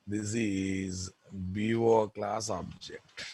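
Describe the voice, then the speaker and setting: A man with a Telugu Indian accent teaching software in an informal lecture, repeating points emphatically and often checking with listeners. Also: fairly low pitch, flat delivery, extremely slow, dry recording. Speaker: programming instructor.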